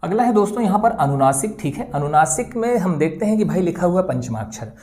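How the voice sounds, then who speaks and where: A woman's voice: on the low side, very animated, fast, mellow. A woman teacher giving an exam-prep grammar lesson, explaining step by step and sounding out letters to demonstrate. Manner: explanatory, often adds "ठीक है" and "दोस्तों".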